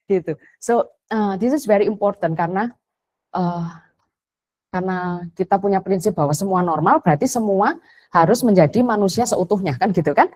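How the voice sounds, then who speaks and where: This parenting educator, a woman with a mid-range, slightly mellow voice, chats her way through a talk on raising kids. English phrases creep in, and she performs the quotes she cites.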